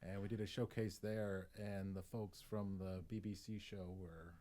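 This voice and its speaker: A man's voice: sits low, little pitch movement, measured pace, mellow. A man, a comedian, telling a story on a podcast, acting out the voices of people he quotes and chuckling as he goes. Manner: chuckles through his story.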